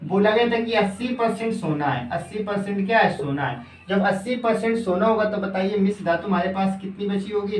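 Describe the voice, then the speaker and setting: Brief: math tutor, quizzes the class and answers each question, dictates slowly, sits back from the mic in a roomy space. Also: medium pitch, distant mic. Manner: asks the class questions and answers them itself; repeats phrases slowly as if dictating. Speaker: coaching class teacher. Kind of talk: exam-prep math lesson. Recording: echoey room, voice off-mic.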